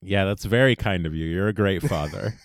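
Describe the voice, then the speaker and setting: A man's voice: deep voice, brisk, no room sound. A young man hosting a podcast in easygoing, reflective chat with dry humor. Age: young adult. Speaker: podcast host. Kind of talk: casual chat.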